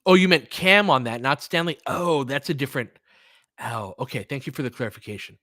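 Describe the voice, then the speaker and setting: Here the sports podcast host sounds brisk, medium-pitched and sharp, casually riffing on live basketball and responding to chat as he thinks aloud. The recording is dry and of studio quality.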